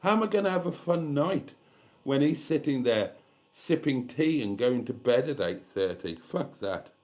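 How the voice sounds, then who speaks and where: Male streamer, 50s, mid-pitched, frank and foul-mouthed, drifts off on tangents while reading comments. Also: expressive, normal speed, a little mellow. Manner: blunt, candid and sweary, rambling asides. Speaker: livestream host. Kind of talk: casual live-stream chat reading comments.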